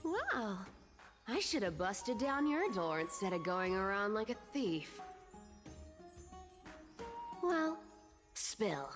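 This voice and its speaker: A woman's voice: medium pitch, very animated, takes it slowly, long pauses, in a large hall, music in the background. A woman voicing a sly, teasing young female thief with a cat-like, playful manner in a video game.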